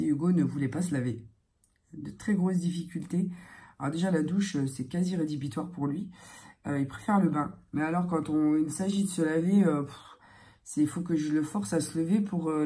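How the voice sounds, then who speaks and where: A young woman chatting casually in a beauty vlog, halting and hesitant, her voice thick, congested and strained from tonsillitis and a sore throat. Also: fairly low pitch, mellow. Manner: hesitant, halting, searching for words. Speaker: beauty vlogger.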